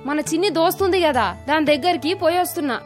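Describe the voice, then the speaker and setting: In a radio drama with faint background music, a woman voices a caring middle-aged village aunt with a Telangana Telugu accent. She talks fast in a high, motherly voice, warmly coaxing as she gently questions and patiently explains.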